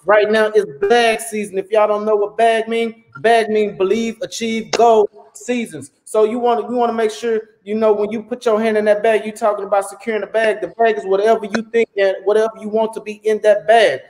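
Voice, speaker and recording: A man hosting a casual livestream interview, animated and repeating his words as he hypes the audience. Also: high voice, a little fast, few pauses, a little hiss or hum. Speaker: host. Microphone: phone.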